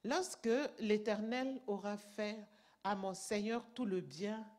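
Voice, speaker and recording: A woman delivers a sermon in French, not her native tongue, reading scripture aloud and expounding on it with emphasis. Her medium-pitched voice moves slowly and sometimes swells into loud passages.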